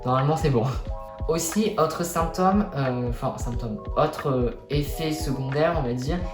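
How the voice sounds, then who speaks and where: A young man talks casually to his viewers at a medium pitch. He tells his story in a colloquial, self-deprecating way. The room rings with noticeable echo, and music plays behind him. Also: a little slow. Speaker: vlogger. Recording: echoey room.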